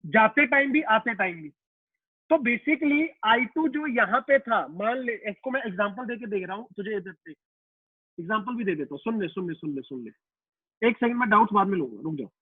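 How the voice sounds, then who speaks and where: A man's voice: high voice, expressive, normal speed, slightly rough, no room sound. A man teaching a physics lecture to an online class, casual and repetitive, often putting students' questions to himself. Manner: casual, addresses students as "beta" and "yaar". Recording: tinny, dry phone-like line.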